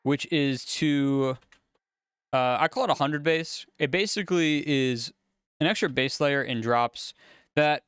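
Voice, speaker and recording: A man's voice: a little high, measured pace, smooth, no room sound. A man, a music producer, casually talking through a studio session as he works in a music studio. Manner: relaxed, chatty, explains as he works.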